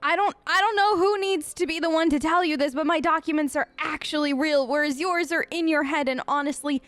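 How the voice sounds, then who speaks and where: In a high-pitched, fairly bright voice, the woman keeps up her improvised in-character banter for a let's play, sarcastic and conversational. She talks fairly quickly on a close mic, the recording dry with faint music in the background.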